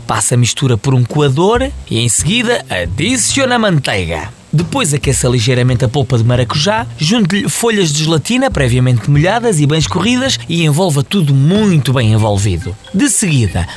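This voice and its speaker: A man with a European Portuguese accent presenting a recipe on radio in a playful, expressive manner. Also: on the high side. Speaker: radio cooking segment host. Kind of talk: recipe narration. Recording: music bed under the voice. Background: music.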